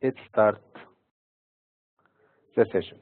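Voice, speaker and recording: Formal market commentator, tinny sound. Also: male voice, slow, no echo. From Egypt. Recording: tinny phone-like recording.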